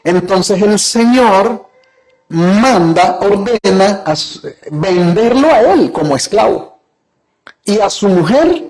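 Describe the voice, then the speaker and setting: A high-pitched man preaching as a pastor. He retells scripture in his own words and keeps asking his listeners questions, then answers them himself. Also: low-quality recording. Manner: asks the congregation rhetorical questions. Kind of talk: sermon.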